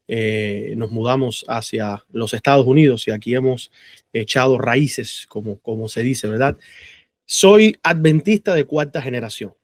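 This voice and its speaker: A man's voice: medium pitch, no echo, studio quality. A man from Cuba giving his personal testimony as a guest on a video call, earnest and full of hesitant fillers. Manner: earnest, many "eh" fillers, laughs easily.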